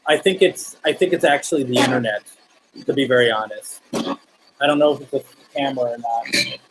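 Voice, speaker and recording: A man's voice: mid-range voice, normal speed, a bit bright, husky, poor audio. A man hosting a live paranormal session, chatting casually and putting questions to spirits and viewers. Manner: conversational, addressing unseen listeners with questions. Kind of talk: casual live-stream chat, calling out to spirits.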